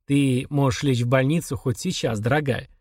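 A man reading an audiobook, voicing a cold, sadistic husband who talks calmly and sarcastically. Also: mid-range voice, normal speed, no echo, clean studio sound, natural voice. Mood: menacing. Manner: calm, flat, sarcastic.

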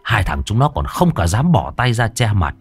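A man narrating a comic folk-style story in a colloquial, crude and lively way. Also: fairly low pitch, normal speed, slightly rough, faint music behind. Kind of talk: casual spoken story narration.

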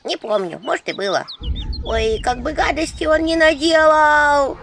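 Woman voicing a squeaky little female imp. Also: sing-song, fairly quick, creaky, pushed and bright, heavily acted. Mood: fretful, squeaky. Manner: squeaky, fretful, rising pleas. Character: small fluffy female imp, anxious and chatty. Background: background music.

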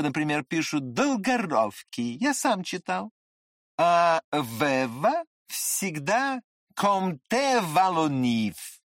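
A reader voicing an excitable, pretty teenage boy who chatters eagerly in an audiobook. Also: mid-range voice, no room sound, clean studio sound, pitched above the performer's own voice.

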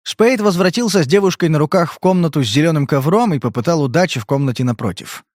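A man reading an audiobook in steady, measured narration. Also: fairly high pitch, no room sound, clean studio sound. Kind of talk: scripted narration.

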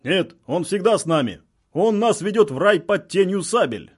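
A man voicing a group of aggressive militants who shout in guttural voices. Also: sits high, lively intonation, moderate pace, husky, pitched above the performer's own voice. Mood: angry shouting. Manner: shouting angrily.

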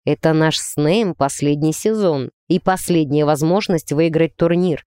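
A woman voicing a gruff, scornful young male team captain in an audiobook, curt and sneering. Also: deep voice, unhurried, mellow, no echo, studio quality.

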